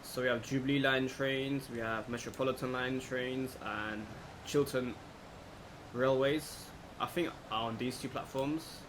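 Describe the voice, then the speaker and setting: Speaking a little slowly at medium pitch, this man hosts gaming videos and offers casual, unscripted let's play commentary as he thinks aloud. A steady air-conditioning-like hum sits under an otherwise clear recording.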